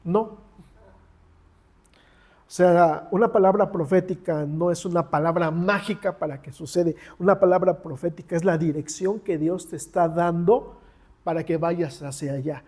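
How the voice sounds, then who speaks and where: A Mexican man delivers a sermon in a high-pitched but mellow, warm voice. He speaks with animation and acts out the voices of the people in his stories. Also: normal speed. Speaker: preacher.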